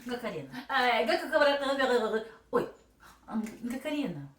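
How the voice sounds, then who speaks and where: Playful mom vlogger, lively voice. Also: female voice, a little high, moderate pace. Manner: playful, jokey, animated. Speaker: vlogger, mother. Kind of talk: casual snack-tasting chat. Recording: echoey room, mic at a distance, faint noise.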